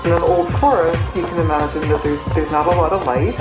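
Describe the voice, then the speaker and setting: A woman's voice: low voice, fairly even intonation, fairly quick. A woman researcher explaining her forest fieldwork for a documentary. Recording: loud music bed, roomy sound. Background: loud music.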